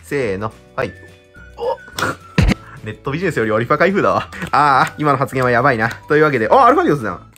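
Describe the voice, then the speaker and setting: A man in his twenties chatting casually and excitedly while opening trading-card packs, laughing often. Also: mid-range voice, fast, faint music behind. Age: 20s. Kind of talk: casual chat while unboxing.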